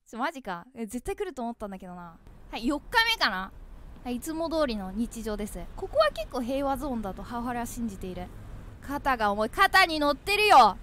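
A young woman giving animated, jumpy commentary as she plays a horror game, calling herself by name. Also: on the high side, a little fast, slight background noise. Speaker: game streamer.

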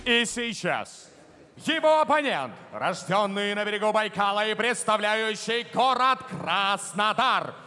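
A man in his thirties working as a boxing ring announcer, with a theatrical, booming delivery and drawn-out words. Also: big pitch swings, bright, forceful tone, soft background music. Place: boxing ring in a large indoor arena. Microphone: handheld microphone. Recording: long reverb of an arena PA.

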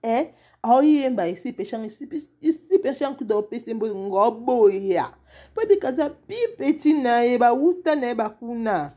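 A woman's voice: on the high side, expressive, a little slow, mellow. A woman hosting a casual live stream, exclamatory and chatty, greeting viewers by name and tagging her lines with "hein?". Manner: code-switches, many "hein?" tags.

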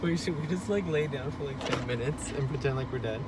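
A man's voice: mid-range voice, fast, very noisy. A young man chatting casually as a vlogger inside a car. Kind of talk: casual vlog chat. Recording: loud music behind, in-car camera.

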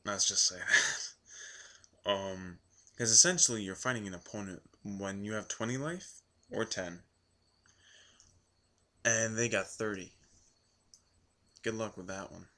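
Hoarse male vlogger, voice shot from yelling, low-ish pitch, casual rambling recap. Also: slow, long pauses. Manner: rambling, with many ums and restarts. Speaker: card game vlogger.

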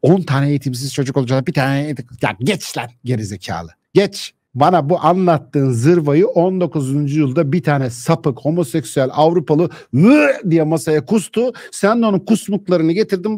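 A man's voice: a little high, animated, brisk, hardly any pauses, darkish tone, no room sound, clean studio sound. A man giving a heated spoken monologue, combative and scornful, firing rhetorical questions and blunt slang straight at his listeners. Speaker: lecturer on social issues.

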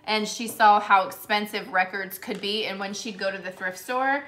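A woman's voice: mid-range voice, normal speed, fairly bright tone, slight background noise. A middle-aged woman hosting a live vintage sale, chatty and rambling, running the show in casual talk. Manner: rambling, chatty, takes over the conversation. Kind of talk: casual live-stream selling chat.

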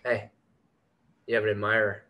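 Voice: mid-range voice, completely flat delivery, moderate pace, muffled recording, natural voice. A performer reading the part of a young male band singer who jokes and teases, at a script read-through. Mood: teasing. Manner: teasing, wisecracking.

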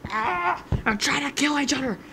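A woman performing an improvised toy skit, voicing every character herself and jumping between squeaky high voices and low mutters. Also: expressive, moderate pace, creaky, background noise.

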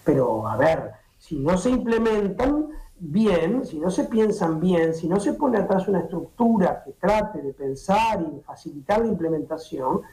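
High-pitched yet mellow, this middle-aged doctor from Uruguay speaks animatedly and a little slowly. Interviewed on a streaming show from his home office via video call, he gives long explanations in Uruguayan Spanish, restarting often and using fillers. The laptop or webcam audio sounds echoey.

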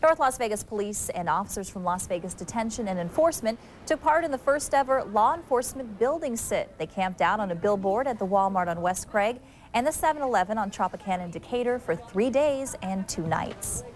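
A woman news anchor reading local news stories in a crisp, scripted delivery. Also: medium pitch, expressive, a little fast, a little hiss or hum. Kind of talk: local TV newscast. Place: TV news studio.

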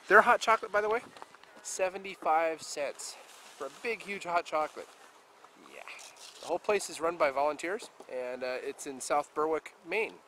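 A man in his forties, recording his family at a small ski hill in the snow, speaks in a high-side, bright voice with a forceful tone. He keeps up cheerful, chatty home video commentary and coaches a child along. Audio comes from a handheld camcorder at arm's length and is noisy outdoors.

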